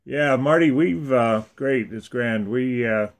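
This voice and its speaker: A man's voice: medium pitch, takes it slowly. A man hosting a casual interview, feeling his way into questions with repeated words. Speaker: interviewer, host.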